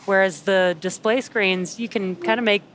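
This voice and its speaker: A woman's voice: mid-range voice, steady tone, moderate pace, a bit bright, slight background noise. A woman hosting a live webcast, giving unscripted explanatory commentary. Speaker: webcast host.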